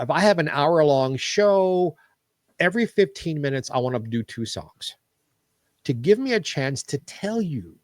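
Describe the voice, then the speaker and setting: A man talking as a podcast guest in a casual interview, animated and opinionated as he tells stories. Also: medium pitch, no room sound, clean studio sound. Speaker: podcast guest, show business historian.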